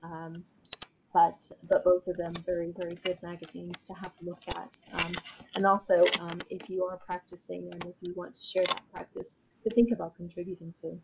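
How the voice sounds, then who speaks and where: A woman speaking as an interview guest, explaining her own practice casually in halting, thoughtful phrases. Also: fairly low pitch, level tone, vocal fry, lo-fi sound, noisy background.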